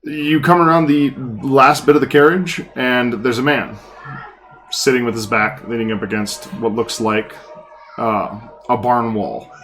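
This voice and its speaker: Guy game master narrating a fantasy scene, bright forward voice, kinda halting, soft music under it. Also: medium pitch, fairly even intonation. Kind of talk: improvised narration of tabletop game.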